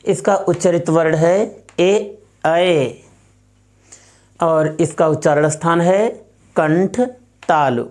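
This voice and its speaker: A woman with a lowish, slightly mellow voice teaches a recorded Sanskrit lesson, chanting each rule several times slowly and deliberately before explaining it. She puts questions to the class and then answers them herself.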